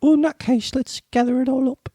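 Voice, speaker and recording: A woman's voice: sits high, fairly even intonation, brisk, dark tone, no room sound. A woman playing a tabletop game, wry and bargaining in character. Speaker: player. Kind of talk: casual tabletop play.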